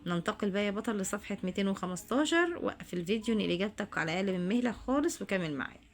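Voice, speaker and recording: A woman's voice: mid-range voice, expressive, rapid-fire. A woman teacher with an Egyptian accent, walking students through homework answers and addressing them directly. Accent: Egyptian Arabic. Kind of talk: homework walkthrough lesson.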